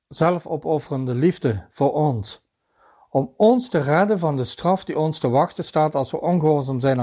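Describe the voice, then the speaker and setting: A man's voice: a little high, a little mellow. A man preaching a sermon in an earnest manner, reading scripture passages aloud and naming their verses.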